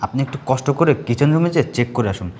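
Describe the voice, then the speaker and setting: A man's voice: mid-range voice, expressive, racing, darkish tone, lightly acted. An actor playing a scheming young man who plants a hidden camera out of revenge, speaking with brazen, taunting boldness.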